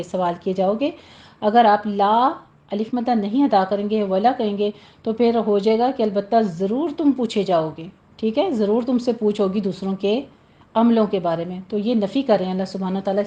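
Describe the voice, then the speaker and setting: Woman teaching Quran recitation, mellow tone. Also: medium pitch, highs cut off. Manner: slow, deliberate, drawn-out recitation between plain instructions. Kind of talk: tajweed lesson, explaining and reciting verses.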